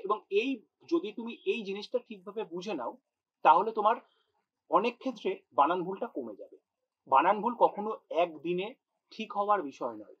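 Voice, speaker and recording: Patient high-voiced male teacher. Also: husky, lo-fi sound. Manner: patient, repeats points to drive them home; addresses students directly, demonstrates pronunciation. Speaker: Bengali grammar teacher. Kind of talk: spoken exam-prep lesson.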